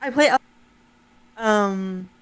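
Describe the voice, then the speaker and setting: A woman's voice: medium pitch, extremely slow, a bit bright, clean tone, no echo, low-quality recording. A woman playing in a tabletop game, speaking hesitantly while her voice breaks up over a buzzy, glitchy online call. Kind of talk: greeting at a game session start.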